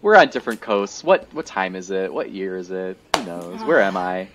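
This podcast co-host, a man in his thirties, talks and laughs freely on a video call from home, sounding a bit congested. His low, expressive voice moves at a moderate pace, captured by a headset in muffled lo-fi audio with a noisy background.

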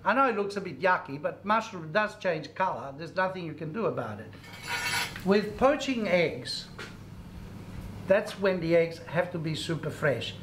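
A man's voice: on the high side, animated, moderate pace, fairly bright tone, a little hiss or hum. A middle-aged man, hosting a cooking demonstration and chatting instructively as he cooks in a commercial kitchen. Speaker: cooking show host. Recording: echoey kitchen with faint sizzling.

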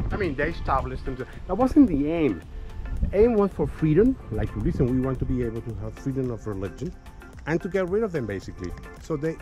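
Recorded outdoors by a camera mic with poor audio, a man with a fairly high, slightly mellow voice gives a casual history talk as a tour guide on a city street. He chats easily, calls the group "guys," leans on "okay" and "right," and frequently restarts sentences with small laughs.

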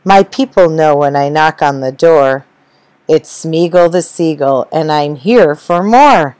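A woman's voice: deep voice, animated, measured pace, darkish tone, no room sound, poor audio. A woman voicing a hungry, demanding male seagull who boasts and insists in rhyme. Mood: insistent.

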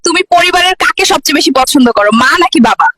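A woman's voice: very high voice, expressive, rapid-fire, over music. A woman playing an inquisitive, chiding grown-up minding a cheeky baby in a comedy skit. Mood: curious.

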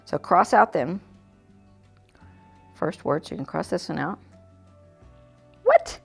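A woman giving a gravelly, husky church kids' lesson. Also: lowish voice, huge pitch swings, slow pace, soft background music. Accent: American. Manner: chatty, informal, laughs easily. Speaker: children's ministry teacher. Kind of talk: casual teaching demonstration. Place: church classroom, indoors. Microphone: fixed camera, mid distance.

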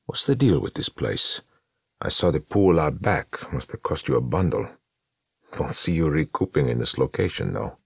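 A man's voice: extremely low pitch, animated, normal speed, creaky, fairly bright tone, breathy edge, no room sound, clean studio sound, full character voice. A man voicing a blunt, needling brother who smokes, in an audiobook. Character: blunt, slouching middle-aged brother, chain smoker. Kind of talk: audiobook narration.

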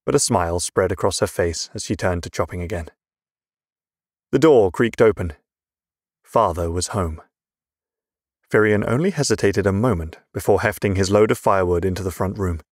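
A man reading a fantasy audiobook in a measured, even storytelling voice. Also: low-pitched, no echo, studio quality. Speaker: audiobook narrator. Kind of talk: scripted narration.

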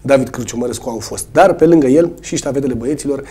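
A swimming coach, hoarse a cold, answering in a studio interview with many hesitations. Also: male voice, medium pitch, dark tone.

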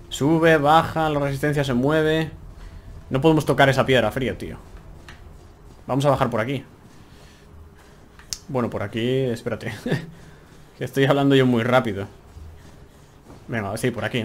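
A man's voice: medium pitch, a little hiss or hum. A young man with a Spain Spanish accent giving chatty, exclaiming commentary as he plays a game from home. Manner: chatty, exclaiming, talks to himself while playing. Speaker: gameplay streamer. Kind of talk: casual let's-play commentary.

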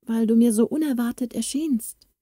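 A woman's voice: a little high, normal speed, mellow, no room sound, studio quality, lightly acted. A woman voicing a timid, lonely young village girl who speaks in an eager, pleading way in a storybook.

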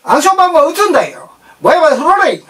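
A man voicing a gruff male cash machine that scolds its customer in rough old Tokyo downtown speech. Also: extremely high pitch, sing-song, pushed and bright, recorded from a distance, voice pushed up, full character voice. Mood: gruff, scolding. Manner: brusque, insulting, fast Tokyo downtown speech.

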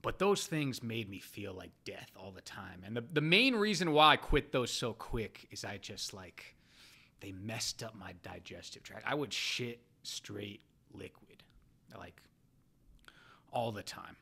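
A poker-playing vlogger tells a casual, foul-mouthed story about his own habits, veering from loud, animated outbursts to quiet muttered asides. His pace is measured and his voice has a breathy edge.

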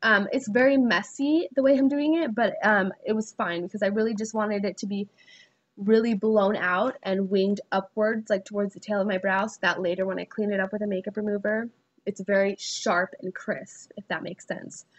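A woman's voice: mid-range voice, steady tone, moderate pace. A woman with a cold, sounding stuffy and nasal, casually talking through a makeup tutorial in a voice-over with many fillers. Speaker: beauty vlogger.

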